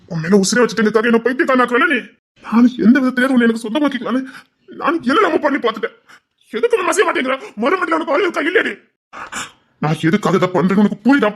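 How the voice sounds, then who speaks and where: An actor with a Tirunelveli Tamil accent playing a desperate young man who pleads with his lover, swinging from hushed pleas to shouting. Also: very high-pitched. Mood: anguished shouting. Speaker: actor in a romance drama. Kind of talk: emotional drama acting.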